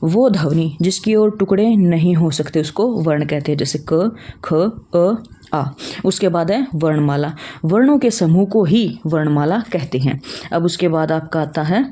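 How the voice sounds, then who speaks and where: A young woman teaches an online class in a low, mellow voice. She works through the material step by step, asking a question and then answering it. She calls her students children. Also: a little slow. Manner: explains step by step, asks and answers own questions.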